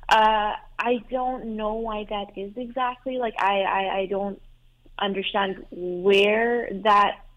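Over a tinny phone line, a caller to an advice show talks slowly in a steady, mid-range voice. She's a young adult woman, a native Farsi speaker, and her speech is hesitant with many fillers and restarts.

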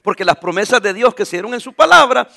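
Pastor guy preaching, high bright voice, asks questions and answers them himself. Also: animated, quick pace, creaky. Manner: repeats key phrases for emphasis. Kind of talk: sermon.

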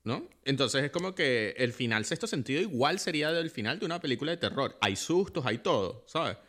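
Bright-voiced man, thoughtful and hesitant. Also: medium pitch, lively intonation, fairly quick. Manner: thoughtful, hesitant, many fillers. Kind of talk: casual film chat.

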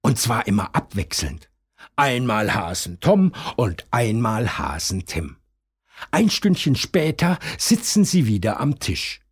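A man reading a children's storybook aloud, telling it gently and expressively. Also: on the low side, very animated, slow, breathy edge. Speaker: narrator.

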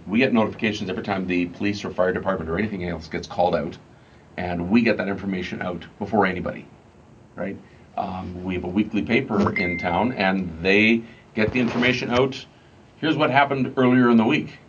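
A man's voice: deep voice, steady tone, normal speed, slight background noise. A man, a radio morning show host, casually explaining his work with lots of fillers and restarts. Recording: slightly dull lo-fi sound with faint music.

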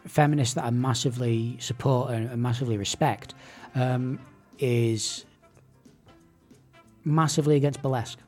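A man's voice: medium pitch, normal speed, darkish tone, soft background music. Hesitant man in casual debate. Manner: thoughtful, hesitant, repeats words. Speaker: radio show host. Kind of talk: casual discussion.

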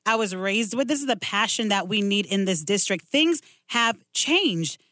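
A woman's voice: medium pitch, expressive, normal speed, bright, forceful tone, no echo, studio quality. A woman running for Congress, speaking passionately and emphatically in an interview. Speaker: congressional candidate. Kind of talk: campaign interview.

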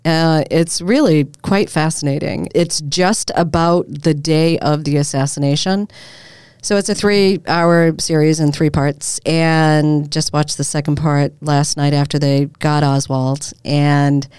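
Low, smooth-voiced woman explaining local news. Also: fairly even intonation, a little slow, darkish tone, no room sound, clean studio sound. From Boston area. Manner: conversational, explains at length, laughs easily. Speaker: reporter and co-host. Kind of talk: casual news chat.

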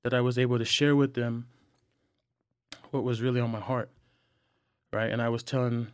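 A young man sharing personal struggles in a candid, earnest way, halting often with fillers and restarts. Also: medium pitch, little pitch movement, smooth, no echo, clean studio sound. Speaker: podcast guest.

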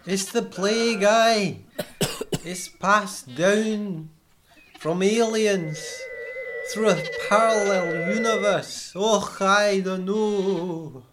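A woman's voice: mid-range voice, drawn-out words. A woman voicing a dotty older man who talks vaguely about an alien plague. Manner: dreamy, vague. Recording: loud music behind.

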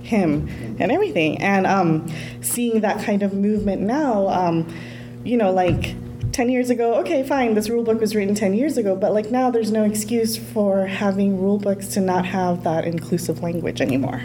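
A woman's voice: mid-range voice, moderate pace, music in the background. A woman panelist speaking casually and emphatically in a discussion.

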